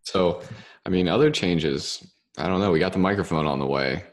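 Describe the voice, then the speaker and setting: Low-voiced man, relaxed rambling. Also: normal speed. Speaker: podcast co-host, student clinician. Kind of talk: casual podcast chat.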